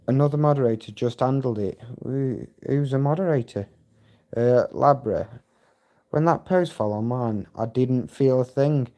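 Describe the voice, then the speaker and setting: Middle-aged male streamer, warm low-key tone, chatty, profane and meandering. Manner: rambling, heavy swearing, chatty storytelling. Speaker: livestream host. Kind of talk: casual live-stream chat.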